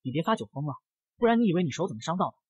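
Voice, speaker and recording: A man's voice: a little high, very animated, rapid-fire, a little mellow, slightly rough, dry recording, dull audio. A man voicing an irritable, snappy young rich man, in a comic narration. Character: hot-tempered spoiled young rich man.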